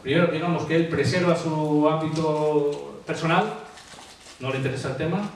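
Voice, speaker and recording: A man's voice: fairly high pitch, normal speed, recorded from a distance. A man from Asturias, a graphologist, explaining handwriting traits in an interview, full of hesitations and tag questions. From Asturias, Spain. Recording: echoey room, off-mic, faint hiss.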